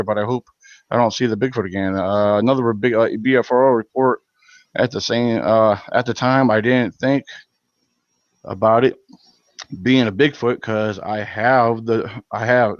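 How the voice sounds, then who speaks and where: A man hosting a live stream in a mid-pitched voice, working through viewer comments and getting riled up as he argues his point. His talk is full of "um" and "I mean" and half-finished restarts. The recording is dull and dry, like a lo-fi home mic. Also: dry recording. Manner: blunt, heated, many fillers and restarts. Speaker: channel host reading live chat.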